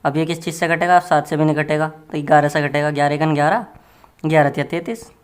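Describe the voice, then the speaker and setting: A man's voice: on the high side, fairly even intonation, fast talker, clear, resonant tone. Male maths tutor, casual and joking, friendly classroom patter. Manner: chatty and joking, addressing students as friends.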